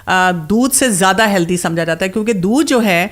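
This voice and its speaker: A woman's voice: medium pitch, expressive. A woman talking as a health and diet expert on a talk show, explaining in a chatty way and mixing in English words. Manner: acts out other people's replies in quotes. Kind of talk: casual talk-show chat.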